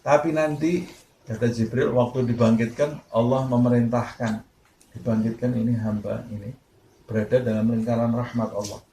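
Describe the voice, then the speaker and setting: A man's voice: medium pitch, steady tone, moderate pace, mellow. A man giving a sermon of Quran commentary, telling a story with Arabic quotes and rhetorical questions. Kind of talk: tafsir sermon. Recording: echoey room with faint background noise.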